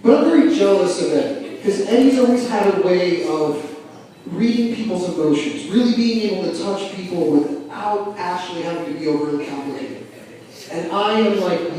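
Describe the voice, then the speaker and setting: A man's voice: high-pitched, a little mellow. A man doing a stand-up comedy set in a club, telling a crude, rambling story full of swearing. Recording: echoey club room, mic at a distance.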